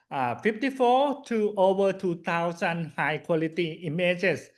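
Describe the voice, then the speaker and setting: A man giving a scripted academic slide presentation as a PhD student, in halting, hesitant short phrases. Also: sits high.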